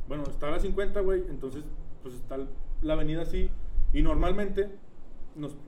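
A man's voice: on the high side, normal speed, a little mellow, a little hiss or hum. A young man with a Mexican accent telling a story in casual chat, slangy and swearing a lot. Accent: Mexican Spanish.

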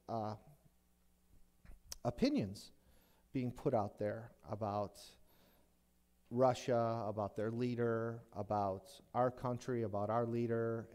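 A man's voice: mid-range voice, mellow. Male pastor, middle-aged, mid-range voice. Chatty, folksy sermon delivery with plenty of restarts. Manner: conversational and folksy, with frequent restarts.

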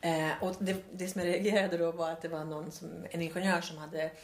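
A woman with a somewhat low voice talks through her ideas in casual conversation. She hesitates and rephrases as she goes. The room around her carries a noticeable echo. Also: flat delivery. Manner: thoughtful, many hesitations and restarts. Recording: roomy echo.

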